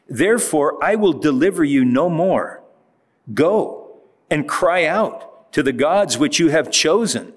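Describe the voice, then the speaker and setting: A pastor giving a conversational Bible-teaching sermon, reading scripture aloud and rising to emphatic moments. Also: male voice, on the high side, big-room sound.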